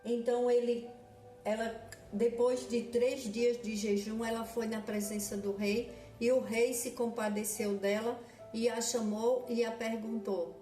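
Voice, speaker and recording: A woman preaching a devotional sermon in a slow, earnest, repetitive way, often restarting her phrases. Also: on the high side, flat delivery, dark tone. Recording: echoey room with faint music behind.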